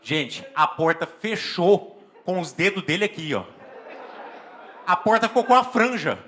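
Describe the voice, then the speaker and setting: A Brazilian man with a Brazilian Portuguese accent doing stand-up comedy and telling an animated story on a live stage, with exaggerated exclamations and acted-out scenes. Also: high voice, unhurried, a little hiss or hum. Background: faint audience laughter.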